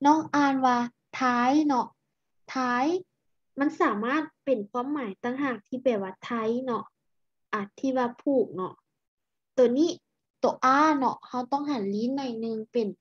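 High-voiced Lao woman tutoring over a call. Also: dry recording. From Laos. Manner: patient, corrects pronunciation slowly. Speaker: English teacher. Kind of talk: online tutoring. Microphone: video call. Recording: muffled video-call audio.

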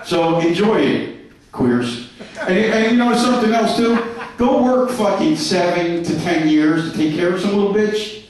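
Brash man, high voice, crude stand-up, boomy room, distant mic. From New York. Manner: crude, brash punchlines to a laughing crowd. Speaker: stand-up comedian. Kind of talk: stand-up comedy set. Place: comedy club stage, live audience. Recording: echoey club heard from a distance.

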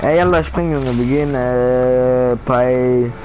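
A man's voice: medium pitch, takes it slowly, a little mellow. Young man, noisy audio. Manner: blunt, exclamatory street slang. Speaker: gamer live-streaming. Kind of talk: casual slangy gaming chat. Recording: noisy game-stream headset audio.

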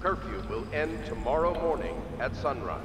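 An actor voicing a male official announcing a curfew over a public loudspeaker, in a formal, measured game announcement. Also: medium pitch, animated. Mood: stern. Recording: echoey, distant outdoor loudspeaker.

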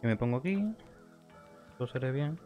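A man with a Spain accent chatting playfully and casually as a livestream host, reading out comments and repeating himself excitedly. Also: medium pitch, normal speed, dull audio. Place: virtual reality room, streaming. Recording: music behind the voice.

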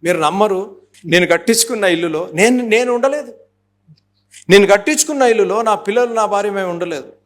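Brisk and expressive, this pastor's voice sits high. He's in his fifties, driving his sermon forward emphatically, sprinkling in English phrases and playing out little conversations as he goes.

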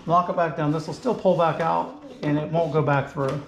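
A middle-aged man talks through his woodworking steps in a casual, matter-of-fact way, his voice sitting a little high for a man. The home garage shop rings around him, and a faint hum of noise runs under the sound. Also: fairly even intonation, moderate pace, reverberant. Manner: plain-spoken, step-by-step, talks through each move as he works. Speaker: woodworking channel host. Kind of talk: casual how-to narration while working.

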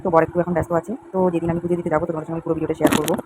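Talking rapid-fire in a low, level voice, a young home vlogger keeps circling back over the same points as she addresses her viewers. The recording is plainly noisy, and its volume rises and falls unevenly.

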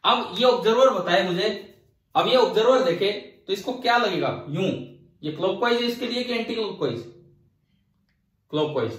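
A male physics teacher lecturing a class in a high voice. He quizzes the students and answers his own questions, repeating key phrases. The sound is roomy and echoey, with the mic set back from him. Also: expressive, normal speed, fairly bright tone, recorded from a distance. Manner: asks the class questions and answers them himself; repeats key phrases to drive points home.

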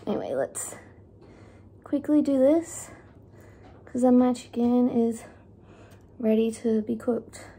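A woman's voice: a little high, slow, long pauses, mellow, husky. A young woman chatting casually while cooking in her home kitchen, with lots of fillers. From Australia. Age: young adult. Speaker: vlogger. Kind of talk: casual cook-along chat. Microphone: phone camera on the counter.

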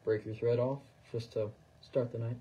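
Man, fly-tying demo, casual, level flat delivery, slight room noise. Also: medium pitch, moderate pace, lo-fi sound. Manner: relaxed, talks while working, fillers and trailing phrases. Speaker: fly tier demonstrating on a livestream. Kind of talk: casual instructional chat.

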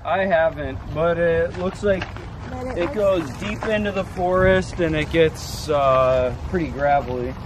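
An easygoing man with a slightly raised voice chats and jokes with a friend during a lakeside walk. He is caught on a nearby camera outdoors, and clear background noise runs under his voice. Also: fairly high pitch, a little slow. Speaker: friend of the host. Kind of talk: casual chat. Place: outdoors by a lake.

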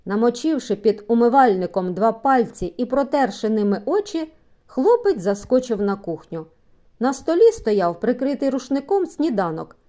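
A woman's voice: on the high side, warm tone. A woman narrating a children's story as an audiobook, reading expressively and giving the characters voices.

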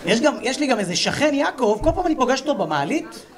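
High-voiced animated stand-up comic man. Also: a faint crowd. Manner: lively, animated storytelling. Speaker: stand-up comedian. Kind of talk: stand-up comedy. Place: stage with live audience.

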